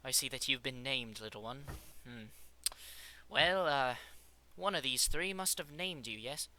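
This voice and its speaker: A man voicing a lanky, fussy older male scientist in a put-on posh British accent, soft and snooty. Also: mid-range voice, unhurried. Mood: amused. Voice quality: snooty, murmuring.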